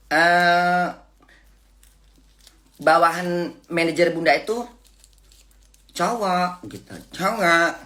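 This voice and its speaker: A middle-aged woman, telling a story in a casual vlog. She is playful and giggly and drifts into soft, whiny baby talk. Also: low voice. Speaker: vlogger.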